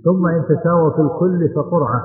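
A man reading a scholarly text aloud for a teacher in a rapid, steady recitation. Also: fairly high pitch. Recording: lo-fi echoey hall recording.

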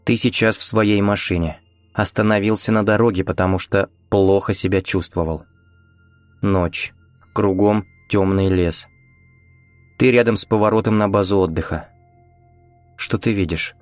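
Man as a calm, coaxing hypnotist. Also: on the low side, normal speed, pauses often, dry recording, faint music behind, natural voice. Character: calm male hypnotist guiding his friend.

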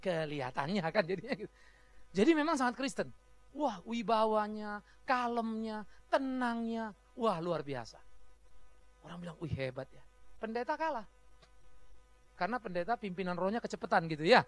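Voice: medium pitch, expressive, normal speed, pauses often, no echo. Pastor giving a jokey sermon, voice bounces up and down a lot, laughs a bunch, pretty dry close sound. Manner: humorous, chatty preaching with frequent laughter. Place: church.

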